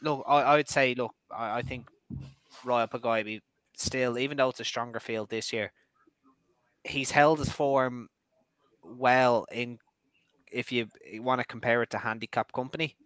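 A man's voice: medium pitch, fairly even intonation, measured pace, pauses often, fairly bright tone, clear, resonant tone, no room sound, poor audio. A man co-hosting a racing podcast, jokey and laid-back in casual chat.

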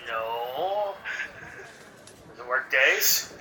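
A man voicing a grumpy, raspy, sleep-deprived man woken from sleep, giving curt, groggy replies. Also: mid-range voice, animated, very slow, sharp tone, reverberant, far from the mic, slight background noise, full character voice, poor audio.

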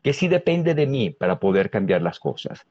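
A man with a Venezuelan accent talks with energy and pours out rhetorical questions. His fairly low voice is husky. The sound is dry and slightly dull, as if lo-fi. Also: moderate pace, no room sound. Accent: Venezuelan Spanish. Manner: lively, asks many rhetorical questions. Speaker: guest speaker on emotional intelligence. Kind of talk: animated explanatory talk with rhetorical questions.

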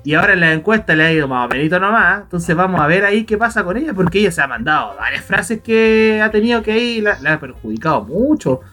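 Man, podcast host, high voice, steady and reflective. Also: faint music behind. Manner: measured, recalls events, polls the others. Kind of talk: casual political chat.

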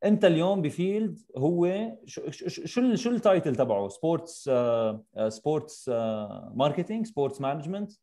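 Man, rapid pace, soft dark tone, casual interviewer, English mixed in, repeated phrases. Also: a little high, very animated. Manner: mixes English words into Arabic, repeats phrases. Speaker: interview host.

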